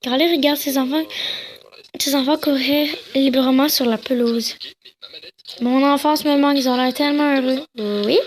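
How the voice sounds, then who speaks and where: A woman's voice: high-pitched, steady tone, moderate pace. A young woman casually playing a game, reading its dialogue aloud with joking, crude asides and giggles. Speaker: gamer.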